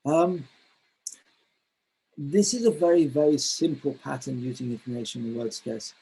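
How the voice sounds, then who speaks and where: A man presenting a teacher-training webinar, speaking in a halting way with many fillers and restarts. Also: mid-range voice, gravelly, warm tone, husky, rough recording. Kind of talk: webinar lecture.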